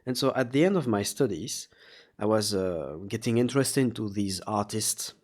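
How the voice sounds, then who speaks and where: Low-voiced, halting man with a slightly sore throat. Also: expressive, a little mellow. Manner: halting, searching for words. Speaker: vlogger, artist. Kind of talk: casual confessional vlog monologue.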